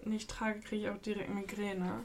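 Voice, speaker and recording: A woman's voice: mid-range voice, flat delivery, normal speed, slight background noise. A woman co-hosting a casual podcast chat, telling her stories in a loose, rambling way with many fillers. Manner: chatty storyteller, fond of "halt" and "so". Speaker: podcast co-host.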